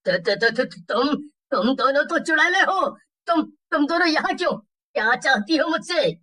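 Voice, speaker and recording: Cartoon villain: woman playing a lower, sly village man, gloating and laughing, slow drawl, bright edge, voiced off-mic. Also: recorded from a distance, slight background noise. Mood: panicked. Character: scheming wife-killing village man, gloating. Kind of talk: cartoon voice acting.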